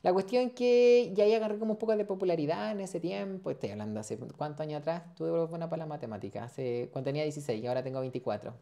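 A man's voice: a little high, expressive, fast, vocal fry, few pauses, warm tone. A man in his twenties with a Chilean accent, talking loosely as a podcast guest, slangy and rambling with lots of fillers, recorded on a lapel mic in a small studio. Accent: Chilean Spanish. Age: 20s. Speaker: podcast guest, dental student. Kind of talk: casual interview chat. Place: small studio room, seated in armchair.

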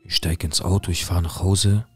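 Deep-voiced man telling a tense story. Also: steady tone, moderate pace, husky, soft background music. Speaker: storyteller recounting a viewer's story. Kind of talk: dramatic first-person storytelling.

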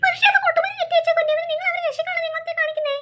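Cartoon mother, very high voice, fast, urgent and scolding. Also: fairly even intonation, noisy background. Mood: frantic. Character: caring young mother of the family. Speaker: cartoon character.

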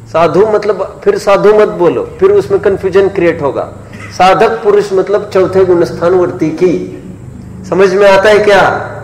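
A man's voice: fairly high pitch, darkish tone, slight background noise. Man lecturing in an echoey hall. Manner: keeps checking that listeners follow, asking rhetorical questions. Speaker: Jain scripture lecturer. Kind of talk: sermon-style scripture lecture. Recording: echoey hall with long reverb.

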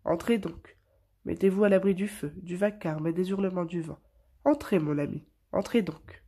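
A woman's voice: lowish voice, normal speed, warm tone, breathy edge. A woman voicing a patient male wombat who welcomes guests in a sing-song way. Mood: welcoming.

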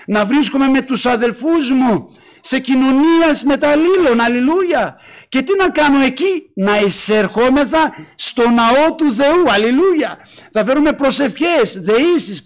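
High-voiced fervent Greek preacher. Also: male voice. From Greece. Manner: fervent preaching, calling out alleluia and asking questions of the congregation. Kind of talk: sermon.

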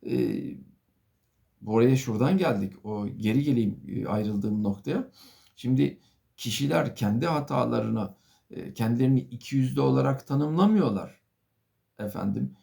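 A middle-aged man, a professor, giving a monologue lecture to viewers, firing off rhetorical questions, calling them dear friends and filling pauses with a formal "sir". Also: medium pitch, vocal fry, mellow. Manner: asks many rhetorical questions and addresses listeners as dear friends; fills pauses with a formal "efendim". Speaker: professor giving a video talk.

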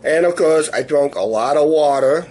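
A man in his fifties chatting casually to camera in a rambling, halting way, his voice weak and sore after illness. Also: fairly high pitch, darkish tone. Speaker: vlogger. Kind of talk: casual video diary chat. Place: small living room, indoors. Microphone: camera at arm's length. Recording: noisy room ambience on camera mic.

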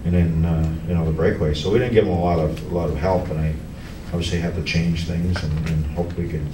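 A middle-aged man, a hockey coach, answering reporters at a post-game press conference, halting with many restarts and fillers. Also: deep voice, steady tone. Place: press room in front of a team backdrop. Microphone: table mic on a stand, heard from a camera farther off. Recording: echoey room, distant camera, background noise.

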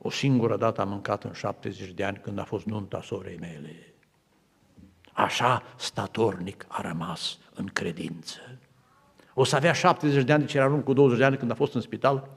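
A man's voice: fairly low pitch, steady tone, vocal fry, breathy edge. A man from Romania preaching a sermon to his congregation, telling stories and quoting others. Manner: storytelling with acted quotes, building to fervent appeals. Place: large church hall. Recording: reverberant church hall.

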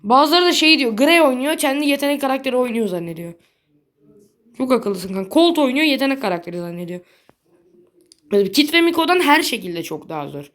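A woman giving casual gameplay commentary in a blunt, slangy way, quick to get annoyed. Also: sits high, expressive, fairly bright tone. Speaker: gaming video creator.

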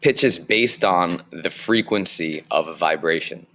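Speaking slowly and clearly in a low voice, a young man teaches the basics of music in a recorded online lesson. He's in a small room using his webcam mic, and the sound is a bit bright.

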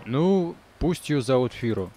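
A man's voice: medium pitch, big pitch swings, unhurried. Man voicing a hot-tempered, sardonic young anime hero. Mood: dry, grumbling. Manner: blunt, foul-mouthed. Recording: noisy background, clicks.

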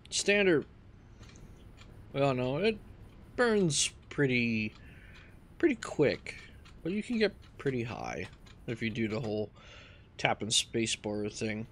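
A man casually talking through his gameplay, relaxed and rambling as he thinks aloud. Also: medium pitch, a little hiss or hum. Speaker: gaming channel host.

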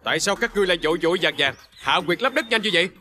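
An actor playing a stern male district magistrate in a folk-tale TV drama, barking brisk commanding orders. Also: sits high, expressive, pushed and bright.

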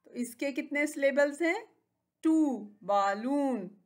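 Pakistani lady teacher, high voice, super slow, stretches words out for little kids, says well done a lot. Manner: slow, stretched-out word modelling for children; gently encouraging. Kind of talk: recorded school lesson.

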